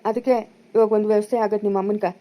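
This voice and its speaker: Lady doing a bossy village bro-in-law, fast talker, mellow highish voice, rural chikkaballapura kannada accent. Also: little pitch movement, natural voice. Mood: persuading. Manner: scolding, commanding. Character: bossy village brother-in-law, middle-aged man. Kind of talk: amateur village family drama.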